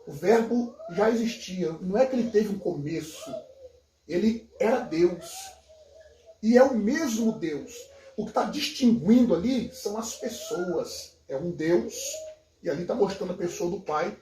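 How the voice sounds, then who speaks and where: A man's voice: sits high, sing-song, a little slow, dark tone, a little hiss or hum. Emphatic, explaining man in an echoey room. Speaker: Greek language teacher. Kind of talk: casual theological conversation. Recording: echoey room, distant from mic.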